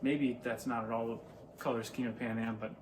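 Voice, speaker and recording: A man co-host rambles enthusiastically about a board game, full of fillers and quick laughs. He is heard from a little way off the microphone. Clear background noise sits under him. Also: medium pitch, flat delivery, recorded from a distance. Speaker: podcast co-host. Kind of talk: casual chat.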